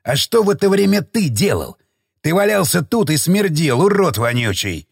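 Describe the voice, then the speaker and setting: A man voicing a furious, gruff former army commander who barks abuse at a subordinate in an audiobook. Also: a little high, sing-song, normal speed, no room sound, clean studio sound, pitched above the performer's own voice, exaggerated voice. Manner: barking, abusive, threatening. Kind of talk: audiobook character reading.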